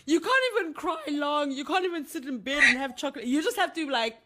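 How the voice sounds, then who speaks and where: A woman's voice: high voice, lively intonation, a little fast, pushed and bright. A woman from Uganda hosting an interview, effusive and enthusiastic, talking with many fillers. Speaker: podcast host. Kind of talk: warm interview chat.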